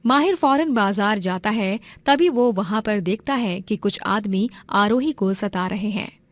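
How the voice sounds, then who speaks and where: A woman's voice: mid-range voice, measured pace, no echo. Dry-voiced woman narrating a story.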